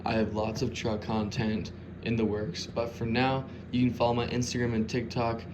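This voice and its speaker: A man's voice: mid-range voice, little pitch movement, normal speed, dull audio. A young man giving a casual introduction to his own vlog, with noise behind him. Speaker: video creator. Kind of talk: casual video intro to camera. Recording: clear background noise.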